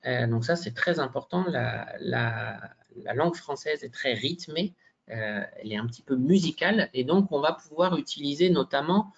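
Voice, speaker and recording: Male workshop presenter, very gravelly and husky, halting delivery full of fillers, dull lo-fi recording. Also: medium pitch, expressive. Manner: hesitant, many fillers, tag questions. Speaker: teacher trainer. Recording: dull lo-fi sound.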